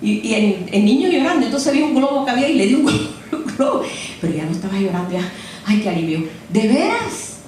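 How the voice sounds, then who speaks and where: A woman's voice: on the high side, sing-song, a little fast, darkish tone, a little hiss or hum. An older woman preaching a sermon in a chatty, storytelling way, often tossing in "eh?" to her listeners. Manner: chatty storytelling, frequent "¿eh?" asides. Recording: echoey room picked up from a distance.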